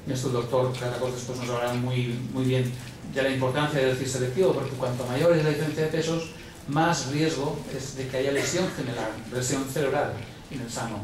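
A man's voice: mid-range voice, steady tone, fairly quick, noisy background. A man giving a medical conference lecture, explaining slides and often repeating words as he thinks. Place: large lecture hall. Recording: echoey hall from far off.

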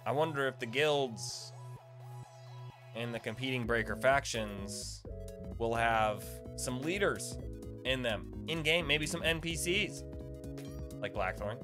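This video game streamer and guide host, a man in his thirties, offers slow, animated, playful commentary full of slang during a livestream, leaving long pauses. His mid-range voice is picked up by a close desk mic on a boom arm in a small indoor streaming room, with game music in the background.

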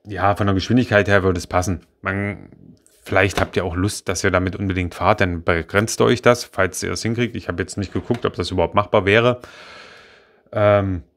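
A man's voice: sits low, fairly even intonation, moderate pace, fairly bright tone, slight background noise. A young man casually reviewing a toy car model, rambling with many fillers and self-corrections. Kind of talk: casual spoken product review.

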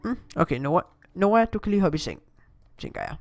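A woman's voice: fairly low pitch, sing-song, faint music behind. A woman with a Danish accent, chatting casually through her own gameplay as a Let's Play host, reading the screen aloud and exclaiming often.

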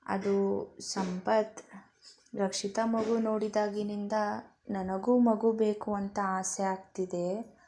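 A woman voicing a sensitive young newlywed wife who speaks softly and sulks when hurt, in a storybook reading. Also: sits high, expressive, measured pace, voice pushed up. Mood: wistful. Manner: soft, hurt, sulking.

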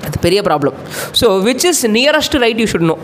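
A male teacher with a South Indian Tamil accent delivers an informal, emphatic lecture. He talks extremely fast and slips between two languages mid-sentence. The headset recording carries a little background noise. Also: sits high, big pitch swings, a bit bright. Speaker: law teacher. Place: small classroom in front of a whiteboard. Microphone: headset microphone held near the mouth.

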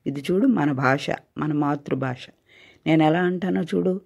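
A woman's voice: deep voice, measured pace, creaky, darkish tone, breathy edge, full character voice. A woman voicing a kind mother cat who speaks in a soothing, reassuring way. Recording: dull lo-fi recording.

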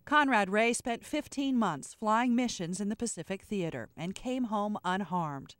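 A woman's voice: medium pitch, lively intonation, measured pace, no echo, clean studio sound. A woman reading scripted documentary narration as a voice-over. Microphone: close studio voice-over mic.

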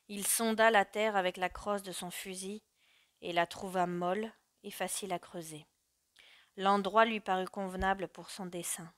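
A woman narrating a classic story in a measured, dramatic reading. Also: medium pitch, a bit bright, dry recording, clean studio sound. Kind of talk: audiobook narration.

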